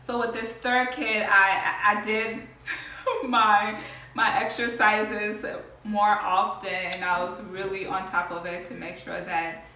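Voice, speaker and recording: A woman's voice: medium pitch, steady tone, takes it slowly, sharp tone. A young woman in a casual chat, telling a birth story and laughing often. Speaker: vlogger sharing her birth story. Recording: echoey room from far off.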